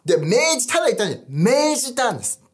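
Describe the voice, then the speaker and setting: A young man preaching a casual online sermon, animated and chatty, often asking his audience questions. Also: extremely high pitch, rapid-fire. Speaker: youth pastor.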